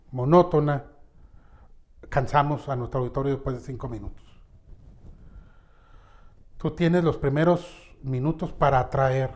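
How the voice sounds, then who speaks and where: A man teaching a lesson on public speaking, addressing the listener directly and shifting his loudness for emphasis. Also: mid-range voice.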